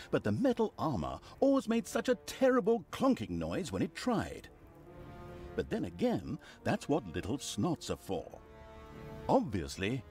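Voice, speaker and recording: A man's voice: medium pitch, a little mellow. A man voicing a sardonic game narrator who tells the story with mocking, theatrical asides. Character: sardonic male narrator who gloats over evil deeds.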